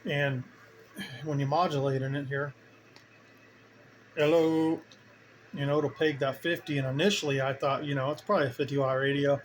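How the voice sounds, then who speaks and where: A man casually showing his radio setup, talking in a relaxed, rambling way as he thinks aloud. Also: medium pitch, quick pace, a little hiss or hum. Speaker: CB radio hobbyist vlogger. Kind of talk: casual hands-on demo.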